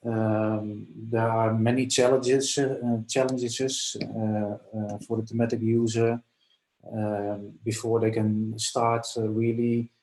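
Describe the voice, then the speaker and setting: A low, flat-voiced man talks slowly over a video call, stopping often with filler sounds as he walks through a training session. His voice comes through with a roomy echo. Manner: hesitant, halting, many "uh" fillers. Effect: heard over a video call. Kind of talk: online training presentation.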